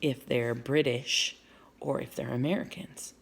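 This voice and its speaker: Woman doing a hushed, cautious young boy. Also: extremely low pitch, steady tone, unhurried, gravelly, husky, voice pushed down, exaggerated voice. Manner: quiet, hushed and careful.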